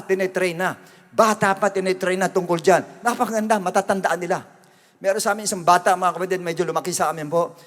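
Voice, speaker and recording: A man's voice: high voice, fairly bright tone. A man preaching a sermon as pastor, emphatic and repetitive, often calling out to his brothers and sisters. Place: church. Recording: long reverb of a church hall.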